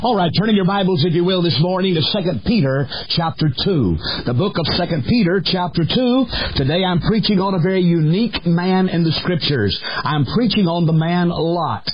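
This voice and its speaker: A man's voice: sits high, animated, moderate pace, few pauses, slightly rough. A man preaching a sermon at a pulpit microphone, with an emphatic, repetitive cadence. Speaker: pastor. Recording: dull lo-fi archival radio broadcast.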